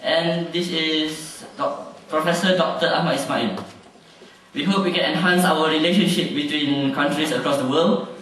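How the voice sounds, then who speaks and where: A man gives a formal team introduction. His slightly high voice sounds far off the microphone. The hall echoes heavily. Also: steady tone, normal speed, a bit bright. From Malaysia. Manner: formal speech, lists names. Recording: echoey hall, distant mic.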